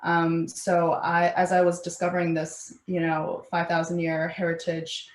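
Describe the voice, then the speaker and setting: A woman founder speaking in a level, low-set voice that barely rises or falls. She talks in measured phrases with frequent pauses and fillers. Her voice carries a roomy echo. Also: completely flat delivery, a little hiss or hum. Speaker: food company founder. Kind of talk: panel interview answer. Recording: echoey room.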